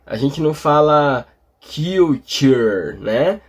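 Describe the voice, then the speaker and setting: A Portuguese-speaking man explaining English vowel pronunciation, talking slowly with many fillers and tag questions. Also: medium pitch, animated, darkish tone, slightly rough. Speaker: English teacher. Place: in front of a display board.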